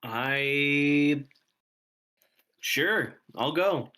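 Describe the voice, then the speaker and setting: A man's voice: fairly high pitch, drawn-out words, bright, forceful tone. A man playing a tabletop game, bantering casually with the group.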